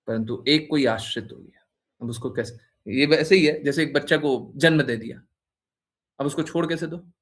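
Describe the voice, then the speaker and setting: A man's voice: fairly high pitch, moderate pace. A man who is a spiritual teacher, giving an informal devotional talk to his followers, teasing them and repeating his phrases. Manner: teasing, repeats phrases, frequent "हैं?" tag questions.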